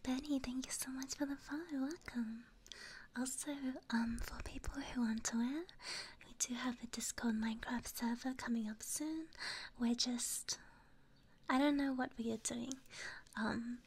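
A woman's voice: fairly high pitch, steady tone, moderate pace, husky. A woman live streamer whispering in a casual ASMR stream, thanking viewers by name.

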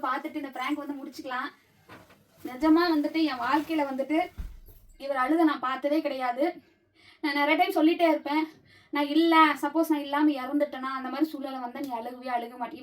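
A woman with a Tamil Nadu accent chatting casually to her vlog viewers at home, quick and animated. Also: high-pitched. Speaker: vlogger pulling a prank on her husband. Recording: voice heard from a distance.

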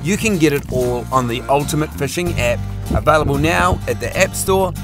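A man's voice: a little high, expressive, normal speed. A man reading scripted narration and promos for a fishing show. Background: guitar music.

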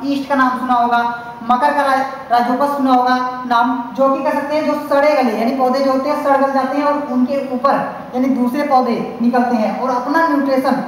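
A woman teacher with a Hindi-speaking North Indian accent giving a classroom science lecture, explaining with many repeated fillers and restarts. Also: high voice. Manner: repetitive, filler-heavy explaining with frequent restarts. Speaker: college teacher. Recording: very echoey hall, faint hiss.

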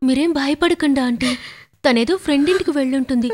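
A woman's voice: high-pitched, fast, darkish tone, natural voice. An actress playing an earnest young girl who politely reassures a friend's mother. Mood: reassuring.

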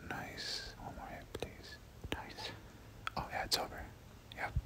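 Whispering breathily and slowly, a gaming creator offers ASMR commentary on a game, frequently looping words into gentle, rhythmic repetitions.

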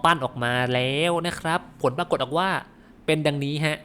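A man's voice: on the high side, fairly quick. Chatty Thai man hosting a game stream. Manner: chatty, self-correcting, laughs at himself. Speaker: gaming channel host. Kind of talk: casual live commentary on game concept art.

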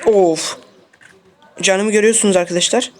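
A mid-pitched voice narrates a mobile shooter as it happens, talking straight to the viewers. Short phrases come again and again in a casual, running commentary. Faint noise and tapping clicks sit under the voice. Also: steady tone, normal speed. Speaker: mobile game streamer.

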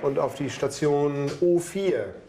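In a hospital emergency department, a male nurse with a Berlin accent chats and jokes with patients at the bedside, tacking "ne?" onto his phrases. His voice is fairly high and warm, and he takes his time. There's slight background noise.

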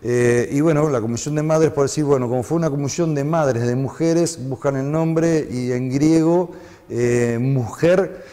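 A man's voice: mid-range voice, measured pace, warm tone, long reverb tail. A man in his fifties with an Argentine accent, a former DJ recalling the past in a rambling interview, with many fillers. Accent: Argentine Spanish. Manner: reminiscing, rambling with frequent fillers. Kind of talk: conversational interview.

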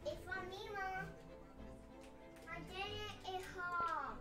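A woman's voice: very high-pitched, slow pace, recorded from a distance, voice pushed up. A woman voicing a whiny little child who complains about dinner, pleading and whining. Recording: echoey, off-mic, with game music.

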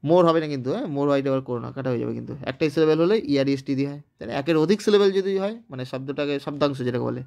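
A man's voice: mid-range voice, racing, gravelly, hardly any pauses, a little mellow. A man from West Bengal with a Bengali accent, teaching an English grammar lesson step by step and often checking that his students have understood. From West Bengal, India. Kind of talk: recorded online grammar lesson.

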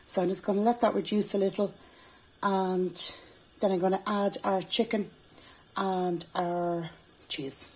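A woman's voice: mid-range voice, fairly even intonation, measured pace, long pauses, breathy edge, low-quality recording. A woman in her forties with an Irish accent, chatting casually as she cooks and explains each step in her home kitchen. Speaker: home cooking vlogger. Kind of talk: casual cook-along talk. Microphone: camera on the worktop.

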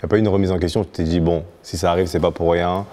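A man's voice: deep voice, steady tone, quick pace, mellow. A man interviewing a guest, asking long, winding questions with many restarts.

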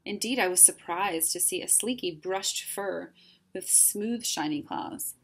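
Woman reading a children's story, gravelly. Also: lowish voice, a little slow. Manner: expressive, storytelling. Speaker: reader. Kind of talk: children's story read-aloud.

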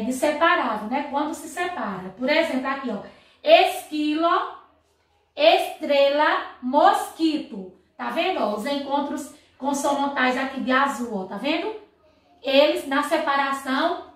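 Female Brazilian primary teacher, bright and high, recorded from a distance. Slow and patient, with constant check-ins. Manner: slow, stretched-out reading of example words with frequent "tá vendo, ó?" checks. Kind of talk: online class for young children. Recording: echoey room, voice from a distance.

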